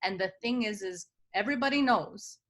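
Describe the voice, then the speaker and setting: A woman's voice: medium pitch, a little fast, fairly bright tone. A woman hosting a podcast, speaking reflectively and teacherly while steering the conversation. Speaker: podcast host.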